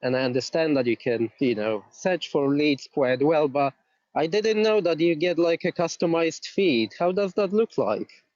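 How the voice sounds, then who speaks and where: A man's voice: fairly high pitch, lively intonation, moderate pace, darkish tone, no echo, muffled recording. A man calling in from outdoors while on a walk, asking friendly, hesitant questions over a phone. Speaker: caller. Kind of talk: live online Q&A.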